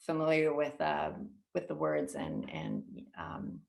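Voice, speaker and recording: A woman's voice: a bass voice, wildly swooping pitch, takes it slowly, gravelly, darkish tone. A woman from Sweden joining a webinar, speaking hesitantly with many fillers and eager enthusiasm. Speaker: webinar participant. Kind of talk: casual chat.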